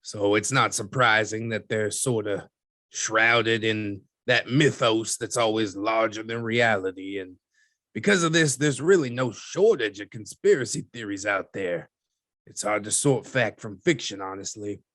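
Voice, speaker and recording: In a podcast drama, a man plays a folksy newspaperman under interview, answering in measured phrases that sound wryly dismissive and a little condescending. His voice is on the low side and a bit bright, and the recording is very dry.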